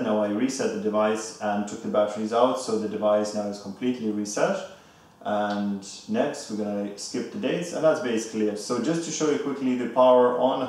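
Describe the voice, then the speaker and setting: A man's voice: fairly low pitch, darkish tone, recorded from a distance. Casting: male tech reviewer, easygoing step-by-step explainer, heavy echo like a big hall, mic set back from him. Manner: explains step by step, loose and chatty, with fillers. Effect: heavy room echo, like a big hall. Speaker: gadget reviewer. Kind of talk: casual product walkthrough. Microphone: camcorder microphone at a distance.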